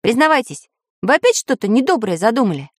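A woman's voice: a little high, sing-song, quick pace, husky, no echo, studio quality, voice pushed up. Woman doing stern inventor captain.

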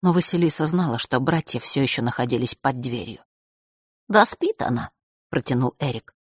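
A narrator reading a children's fantasy story aloud in a lively, expressive way. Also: medium pitch, fast talker, slightly rough, no echo, clean studio sound. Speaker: audiobook narrator.

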